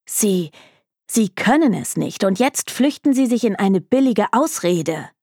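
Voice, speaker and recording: A woman's voice: medium pitch, moderate pace, a little mellow, no echo, close to an everyday voice. Give me a woman reading a determined young woman, earnest and grieving, in a dry, close-miked sound. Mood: indignant. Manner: earnest, pleading, indignant.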